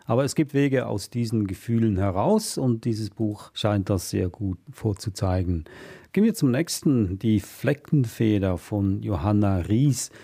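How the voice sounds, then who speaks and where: Male book-review co-host, gravelly and low, dry humor. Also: animated, unhurried, dark tone. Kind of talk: casual book review chat.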